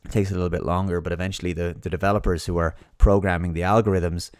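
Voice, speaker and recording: A man's voice: sits low, level tone, fast, no echo, clean studio sound. A man giving a monologue commentary, reading out an article and mocking his opponents in sarcastic put-on voices.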